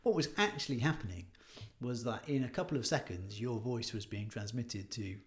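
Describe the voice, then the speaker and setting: A man's voice: medium pitch, normal speed. A man in casual chat as a podcast co-host, telling anecdotes and agreeing often. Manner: anecdotal, agreeable, frequent "yeah" and "you know".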